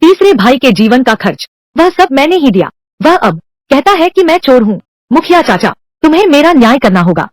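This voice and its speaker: Woman doing a sly scheming young village guy, high lively voice, dry close sound. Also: normal speed, no echo. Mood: aggrieved. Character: shrewd young village man, reborn idler. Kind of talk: dubbed drama voice acting.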